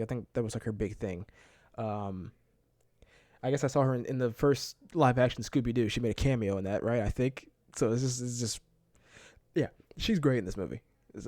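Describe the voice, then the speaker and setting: A man's voice: on the low side, darkish tone, dry recording. A man giving a casual movie review, enthusiastic and rambling, laughing often and filling his talk with casual fillers. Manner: filler-heavy, keeps saying "like" and "man".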